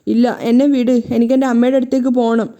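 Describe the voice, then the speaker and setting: A woman's voice: fairly high pitch, flat delivery, fast talker, dark tone, natural voice. A woman voicing a frightened little girl who cries and refuses a man. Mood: scared, pleading. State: crying.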